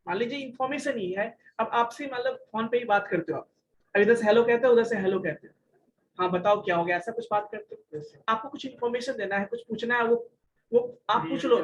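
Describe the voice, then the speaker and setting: A man's voice: sits high, a bit bright, dull audio. A male college lecturer teaching an online class, mixing English terms into his talk, explaining with everyday examples and asking his students questions.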